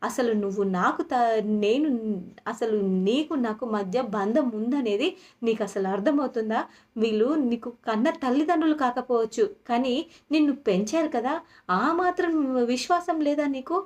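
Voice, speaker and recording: Brief: stern family patriarch, harsh and scolding, voiced by a woman narrator, pitched highish. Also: expressive, moderate pace, close to an everyday voice. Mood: angry. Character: stern angry grandfather, head of family.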